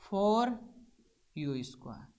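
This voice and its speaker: A man's voice: sits high, sing-song, slow, warm tone. A man teaches physics to a classroom. He questions his students step by step as he works through the problem, keeping the lesson moving. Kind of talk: classroom lecture.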